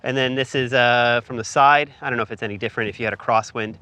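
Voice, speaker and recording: A man's voice: medium pitch, fairly even intonation, fast, sharp tone. A man from Canada hosting a filmmaking tutorial, upbeat and jokey, asking his guest questions on a lavalier mic. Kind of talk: casual instructional chat. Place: outdoors in cold wind, then indoors. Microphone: lavalier hidden in shirt.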